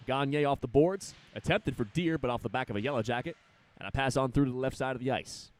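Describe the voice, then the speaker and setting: A young man calls a college hockey game play by play in a quick, running patter. His voice climbs when a shot goes toward the net. He names each pass as it happens. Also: medium pitch. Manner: rapid, rising excitement on big plays. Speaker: play-by-play announcer. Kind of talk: live hockey play-by-play commentary.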